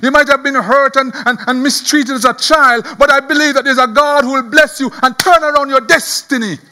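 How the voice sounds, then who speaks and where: A man preaching a sermon as a pastor, animated and chuckling as he tells the story, often repeating words. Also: extremely high pitch, brisk.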